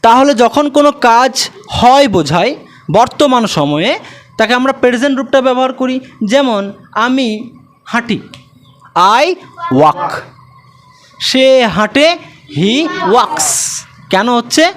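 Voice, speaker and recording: Teacher, slow delivery, sing-song pitch, drawn-out examples, self-answered questions. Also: animated. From West Bengal. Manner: drawls English examples, asks and answers own questions. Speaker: English teacher. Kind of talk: spoken grammar lesson.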